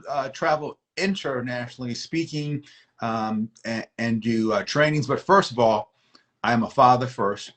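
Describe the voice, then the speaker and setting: Bright, lively man on a video call. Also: medium pitch. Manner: animated, friendly, laughs often, trails into restarts. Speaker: emergency medicine doctor, guest. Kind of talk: casual interview chat.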